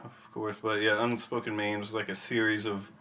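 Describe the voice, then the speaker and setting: A man's voice: lowish voice, flat delivery, a little fast, noisy background. A man chatting casually after his performance, joking and laughing easily. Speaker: guest performer. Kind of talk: casual chat.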